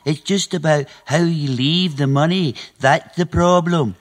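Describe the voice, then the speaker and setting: An actor playing a naive, literal-minded and earnest toilet cleaner in an audio comedy. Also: male voice, fairly high pitch, a little slow, natural voice. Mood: meek, earnest.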